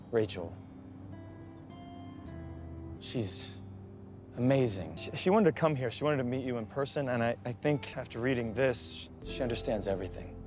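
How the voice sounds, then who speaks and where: An actor playing a guarded young man tracking down someone from his family's past, speaking in halting, earnest bursts over a film score. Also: fairly low pitch, lightly acted. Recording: film audio with music score.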